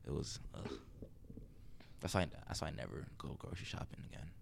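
Low gravelly laid-back man. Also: expressive, fairly quick, noisy background. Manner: laid-back, slangy, trailing off. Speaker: podcast co-host. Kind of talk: casual chat.

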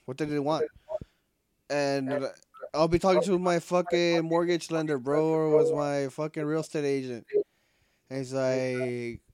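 A man's voice: on the high side, fairly even intonation, a little slow, a little mellow, clear, resonant tone. A young man co-hosting a casual chat, swearing constantly and dropping Spanish phrases into his English, laughing often. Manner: profane, slangy, mixing in Spanish phrases. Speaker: podcast co-host.

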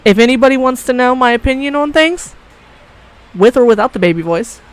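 A woman's voice: high voice, lively intonation, fairly quick, poor audio. A woman co-hosting a casual podcast chat, blunt and swearing freely, often breaking into laughter. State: coughing briefly. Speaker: podcast co-host.

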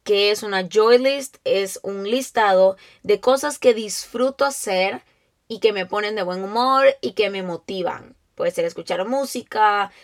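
A woman's voice: medium pitch, measured pace. A woman hosting her own podcast, talking earnestly and encouragingly to listeners, with frequent fillers. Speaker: podcast host. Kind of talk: casual solo podcast talk.

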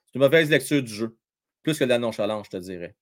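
A man with a Québécois French accent calling a hockey game live, animated and loud at big plays, chatting with his viewers in between. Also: medium pitch, quick pace. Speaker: hockey commentator and live-stream host. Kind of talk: excitable live play-by-play commentary.

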